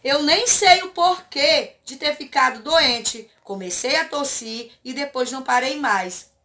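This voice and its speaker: A woman reading aloud the lines of a schoolgirl who missed a party because she was ill, in a slow exercise-reading manner. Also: high-pitched, animated, bright, forceful tone, exaggerated voice. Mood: plain. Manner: read aloud slowly from an exercise.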